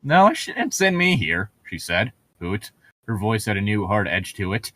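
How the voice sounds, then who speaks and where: This male co-host reads a novel aloud, stopping now and then for casual, irreverent commentary full of sarcasm and swearing. He speaks at a normal pace in a lowish, sing-song voice that sounds bright and forceful.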